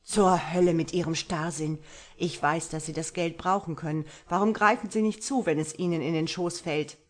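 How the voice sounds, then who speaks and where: A woman voicing a proud, passionate wealthy gentleman in a romance audiobook, with forceful, exasperated outbursts. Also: low voice, normal speed. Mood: wütend.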